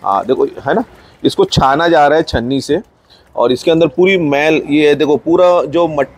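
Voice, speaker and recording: A man's voice: fairly high pitch, unhurried. A man with a Mumbai Hindi accent gives a chatty walkthrough of his farm, filmed on a handheld phone, pointing things out as he goes. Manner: chatty, points things out, mixes in English words. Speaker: farm owner filming his buffalo feeding. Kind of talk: casual walkthrough vlog narration. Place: outdoor farm sheds.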